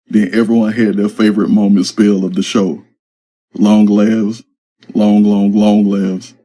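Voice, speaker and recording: A man's voice: sits low, warm tone. A man reading his own fantasy story aloud in a casual, slangy storytelling manner. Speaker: narrator.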